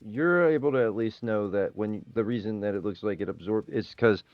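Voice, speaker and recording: A man's voice: on the low side, a little fast, no echo, highs cut off, faint music behind. A man acting as game master, explaining dice rules in a loose, rambling way. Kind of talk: running a tabletop game on stream.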